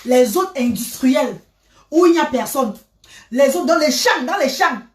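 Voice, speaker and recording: A woman tells her story dramatically, repeating herself and swinging from loud to hushed. Her voice sits fairly high and sounds roomy, recorded from a little way off the mic. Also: animated, moderate pace. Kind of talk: emotional personal storytelling. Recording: roomy, from a distance.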